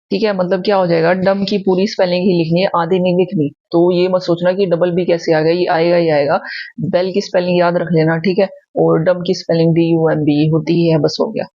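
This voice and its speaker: A woman's voice: on the low side, mellow, dry recording, highs cut off. A woman teacher giving a spelling lesson for exam preparation, spelling words out letter by letter and often checking that students follow. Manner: patient, repeats checks like "ठीक है?".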